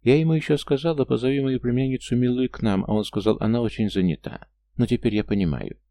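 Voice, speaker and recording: A man's voice: medium pitch, fast talker, dark tone, no echo, pitched above the performer's own voice, natural voice. A man voicing a falsely sweet, gushing middle-aged aunt in an audiobook. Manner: sugary, effusive.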